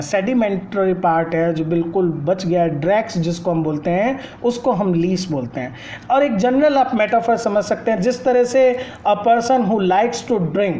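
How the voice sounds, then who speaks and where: A man with a high-sitting, dark-toned voice teaches a literature lesson on poetry, explaining poetic devices step by step. He switches often between Hindi and English, uses many fillers, and addresses his listeners as friends in an explanatory manner.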